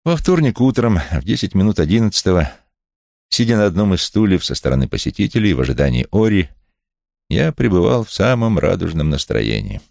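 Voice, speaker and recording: A man's voice: low voice, sing-song, a little fast, vocal fry, a little mellow, no room sound, studio quality. A man reading a detective novel aloud as a wry first-person narrator. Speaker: audiobook reader.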